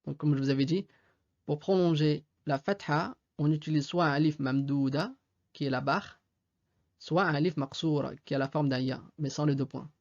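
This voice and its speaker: A man's voice: fairly high pitch, normal speed, darkish tone, highs cut off. A male teacher giving a reading lesson, patiently spelling out sounds letter by letter. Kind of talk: slow step-by-step reading lesson. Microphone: desktop USB mic.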